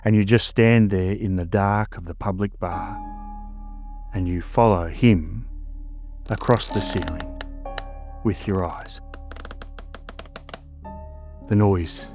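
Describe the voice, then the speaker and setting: Male Australian narrator, deep register, scripted spooky storytelling with dramatic short phrasing, music underneath. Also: slow, pauses often. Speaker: host and storyteller of a ghost story show.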